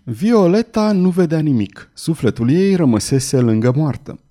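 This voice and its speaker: A man narrating a historical novel in an expressive, theatrical reading style. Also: on the high side. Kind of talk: dramatic audiobook narration.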